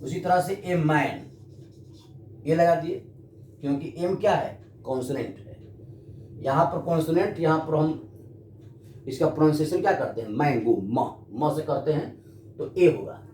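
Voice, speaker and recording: Animated Indian teacher in echoey room. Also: male voice, on the high side, a little slow, pauses often. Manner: addresses students, asks and answers his own questions. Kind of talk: classroom grammar lesson. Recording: echoey room with faint background noise.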